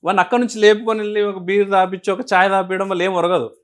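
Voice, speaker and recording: A man explaining emotions in an interview, asking and answering his own questions in an animated way. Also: sits high, racing. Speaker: guest speaker on emotions.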